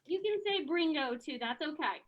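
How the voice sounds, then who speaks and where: A woman's voice: sits high, expressive, normal speed. A woman voicing a small, cheerful animal mascot who serves as an eager, playful bingo caller. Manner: playful, eager, simple short phrases. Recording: dull lo-fi online call audio.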